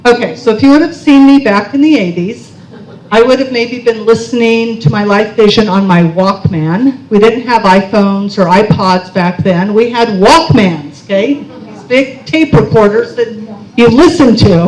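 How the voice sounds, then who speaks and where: A woman's voice: a little high, unhurried, darkish tone. A middle-aged woman giving a personal storytelling talk at a conference, chatty and self-mocking, often checking in with "okay?". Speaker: conference speaker. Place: large conference hall. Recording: roomy hall echo.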